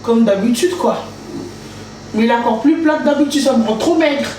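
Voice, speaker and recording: Playful high-pitched woman, casual livestream host cooking at home; very echoey room with background noise. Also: moderate pace, dark tone. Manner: playful, sings and chants to herself. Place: home kitchen.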